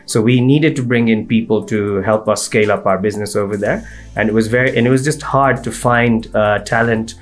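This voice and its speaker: A man's voice: fairly low pitch, steady tone, a little fast, faint music behind. Fluent man in his forties from Kenya. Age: 40s. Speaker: guest, recruitment firm partner. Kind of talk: interview.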